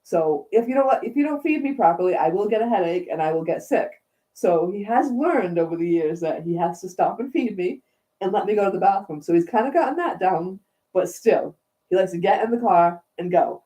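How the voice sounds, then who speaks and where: A woman co-hosting a casual chat, chatty and quick to laugh. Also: lowish voice, animated, dark tone, poor audio. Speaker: co-host.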